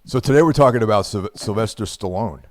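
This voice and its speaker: A man's voice: lowish voice, fast talker, slight background noise. A man hosting a podcast in casual chat, with a laid-back, easygoing manner. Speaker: podcast host.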